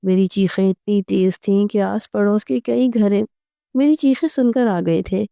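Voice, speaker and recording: A woman narrating a romantic audio novel in the first person, in a steady, even storytelling manner. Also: mid-range voice, creaky, dry recording, clean studio sound.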